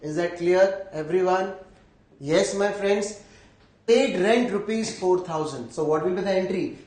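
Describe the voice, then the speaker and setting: A male lecturer with an Indian accent speaks in a high-pitched voice. He explains step by step, repeating key phrases and asking if the class follows. The sound is echoey, as in a reverberant room. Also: measured pace, darkish tone. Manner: repeats phrases and checks understanding with questions. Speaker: accounting lecturer.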